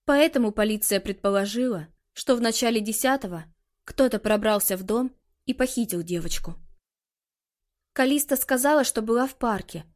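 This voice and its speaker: A woman reading an audiobook in a measured, expressive way. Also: on the high side. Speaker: audiobook narrator. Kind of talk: scripted audiobook narration.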